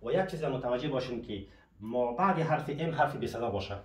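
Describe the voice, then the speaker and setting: This male French teacher speaks at a medium pitch with lively intonation while explaining a lesson. He patiently asks questions and then supplies the answers, recorded from afar in an echoey room.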